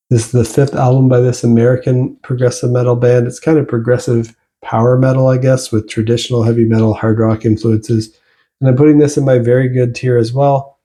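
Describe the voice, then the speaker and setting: A man giving casual album reviews on his channel, relaxed and rambling, with frequent fillers and restarts. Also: mid-range voice. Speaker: music reviewer.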